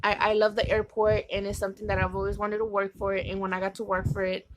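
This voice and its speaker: A woman's voice: medium pitch, flat delivery, quick pace, slight background noise, poor audio. A woman vlogging to her viewers, chatting in a rambling way with many fillers and restarts, and sounding tired. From California. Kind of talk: casual vlog chat.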